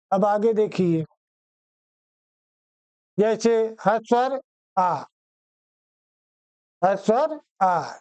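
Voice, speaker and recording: A man teaching an exam-prep grammar lesson, calling his students children and repeating each phrase slowly so they can write it down. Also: very high voice, darkish tone, clear, resonant tone, dry recording.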